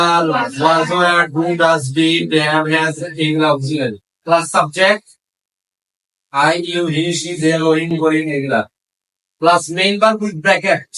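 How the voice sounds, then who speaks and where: A man's voice: high-pitched, fairly bright tone, recorded from a distance, rough recording. A man teaching a class how to form English questions, switching between Bengali and English and quizzing his students. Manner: asks the class questions and repeats answers.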